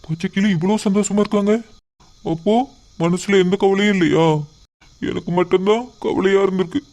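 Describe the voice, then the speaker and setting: A man plays a lovesick young cartoon man who has given up hope. He speaks quickly in a flat, even voice. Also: high-pitched. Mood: sad. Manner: subdued, resigned. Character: heartbroken young man in love.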